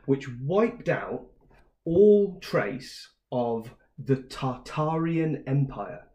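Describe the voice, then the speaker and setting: A man co-hosts a loose podcast chat, talking at a middle pitch. He rambles his way through explanations and laughs easily. His voice bounces around a roomy, echoey space. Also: lively intonation, drawn-out words, dark tone. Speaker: podcast co-host. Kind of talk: casual chat.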